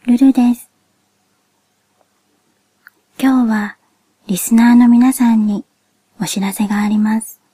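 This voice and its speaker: A woman podcast host speaking a soft, whispered monologue in a cute, childlike anime-like voice, gently and politely. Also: a little high, fairly even intonation, husky, no room sound. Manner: gentle, polite, measured delivery.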